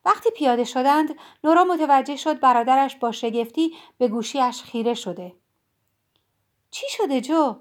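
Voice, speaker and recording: Audiobook narrator, woman, high voice, calm even storytelling. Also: few pauses. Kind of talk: scripted narration.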